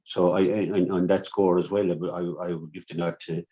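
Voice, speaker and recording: A sports analyst with a deep, dark voice and level tone gives a radio sports preview. His delivery is halting, full of repeated words and restarts, and the radio sound is dull and lo-fi.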